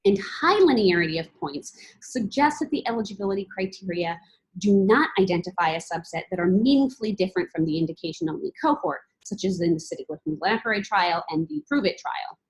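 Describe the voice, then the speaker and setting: A woman presenting research as a PhD candidate, explaining it in a measured, formal and methodical way. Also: mid-range voice, expressive, low-quality recording.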